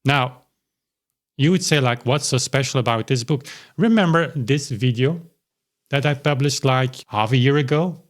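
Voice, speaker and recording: A YouTube channel host rambles casually to camera from a small, cozy home studio, full of restarts and fillers. He has a mid-range voice and speaks at a moderate pace.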